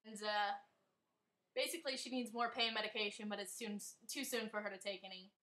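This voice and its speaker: A woman's voice: mid-range voice, steady tone, brisk, bright, forceful tone, low-quality recording. A woman reading her own story aloud in a wry, amused way.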